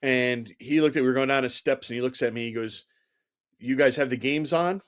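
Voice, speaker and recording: This middle-aged man, once a Secret Service agent, talks fairly quickly at a medium pitch. As a guest in a conversational interview he tells animated anecdotes, leans heavily on "you know," and acts out the quoted dialogue.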